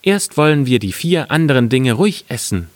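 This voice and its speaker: A man's voice: medium pitch, sing-song, moderate pace, dry recording, voice pushed up, lightly acted. A man reading a fairy tale aloud, voicing a sly, cunning poor peasant in a slightly raised voice.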